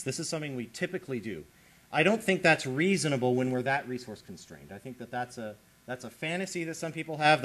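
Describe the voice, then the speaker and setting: A man lecturing on computer science, explaining with lively emphasis and checking in with his audience. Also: mid-range voice. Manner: animated, explanatory, checks in with listeners. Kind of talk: academic lecture.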